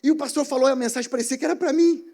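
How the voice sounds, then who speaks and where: A man voicing an excited young man who has just found faith and talks loudly with enthusiasm. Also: very high voice, very fast, pitched above the performer's own voice. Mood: ecstatic. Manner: shouting with excitement. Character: loud, overjoyed young man, newly converted.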